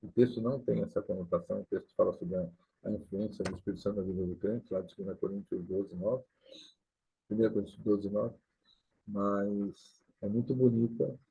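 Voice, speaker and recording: A Brazilian man, a pastor, talking casually to the camera and explaining things slowly, often adding "né?" at the end. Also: fairly low pitch, steady tone, vocal fry, husky. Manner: explains slowly with many "né?" tags. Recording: tinny lo-fi sound.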